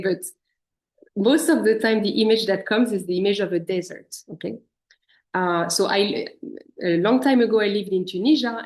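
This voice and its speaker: Woman guest speaker, leadership coach, reflective talk to a congregation over a video call, mid-range pitch. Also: darkish tone. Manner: reflective, invites listeners to picture their own experience. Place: speaking remotely from abroad.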